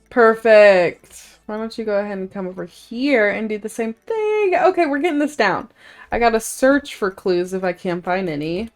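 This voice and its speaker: A young woman hosting casual gameplay commentary, chatty and excitable, with lots of filler words. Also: mid-range voice. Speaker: gaming video host.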